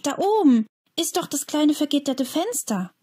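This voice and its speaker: A woman's voice: on the high side, big pitch swings, a little slow, darkish tone, husky, pitched above the performer's own voice, full character voice. Woman playing an earnest young boy. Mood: anxious. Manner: earnest, pleading. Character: young schoolboy, earnest, believing, hopeful.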